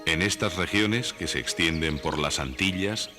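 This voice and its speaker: A man reading scripted nature documentary narration in a measured, didactic way. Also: deep voice. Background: background music.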